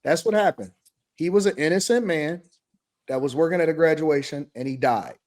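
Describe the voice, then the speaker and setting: An insistent man from Detroit in his forties argues hard on a podcast panel. His voice sits a little high for a man, and he repeats his points to keep the floor. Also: normal speed, a little mellow. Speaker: podcast host. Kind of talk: heated panel debate.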